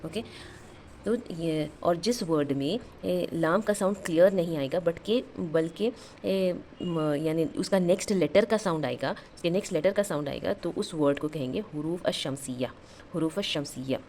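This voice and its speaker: Low-pitched woman teacher, patient drilling, faint background hiss. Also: mellow. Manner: repeats each term and drills example words slowly. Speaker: Arabic teacher. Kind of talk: explaining lesson, mixing Hindi and English.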